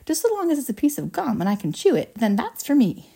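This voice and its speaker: Storybook brat played by a woman: goofy, stubborn young girl, loud and pushy, lively swoops, husky edge. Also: fairly low pitch, brisk, exaggerated voice. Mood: eager. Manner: blunt, pushy, exclaiming.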